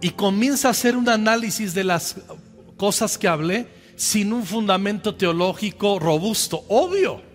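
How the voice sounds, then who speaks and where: Lively high-voiced Mexican pastor preaching. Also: male voice, normal speed. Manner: lively, humorous, speaks directly to the congregation. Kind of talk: sermon with personal storytelling. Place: church. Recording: echoey church hall with soft music behind.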